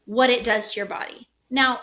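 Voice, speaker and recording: Mom podcaster, kinda high voice, talks fast and animated like she's chatting with a friend. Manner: chatty, animated storytelling, acts out her kids' voices. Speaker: podcast host and health coach. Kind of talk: casual solo podcast talk.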